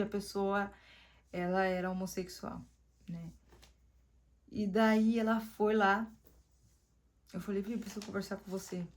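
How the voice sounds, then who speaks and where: Brazilian woman, testimony speaker, casual storyteller who acts out dialogue, medium pitch. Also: a little mellow. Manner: tells the story with quoted dialogue, frequent "né" tags.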